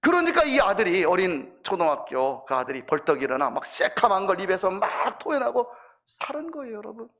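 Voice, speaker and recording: A man's voice: sits high, big pitch swings, brisk, fairly bright tone. A male pastor preaching in a church, telling a story animatedly and addressing the congregation directly. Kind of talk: sermon storytelling.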